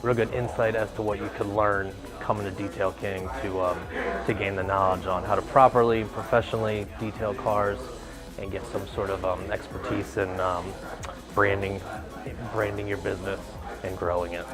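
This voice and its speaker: Low-voiced man, thoughtful, with music. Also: flat delivery, normal speed. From Virginia. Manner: thoughtful, with many ums. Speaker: seminar student. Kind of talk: testimonial interview. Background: background music.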